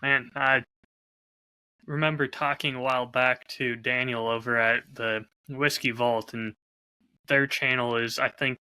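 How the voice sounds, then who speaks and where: Heard through poor audio, this podcast host and audio drama maker talks in a steady tone at a measured pace. His voice is very bright and crisp-edged, mid-pitched, and he shares reflective, candid thoughts the way a seasoned storyteller would.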